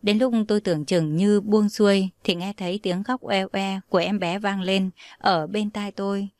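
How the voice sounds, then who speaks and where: A young woman narrating a first-person story in a calm, steady reading voice. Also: mid-range voice, normal speed, no room sound, clean studio sound.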